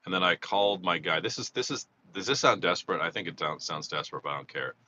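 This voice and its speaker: This man, still getting over a cold, talks fast in a low, pushed, bright voice while doing a live monthly slot recap outside by a freeway. He rambles and chats loosely, restarting a lot. Faint freeway hum sits under a slightly dull recording.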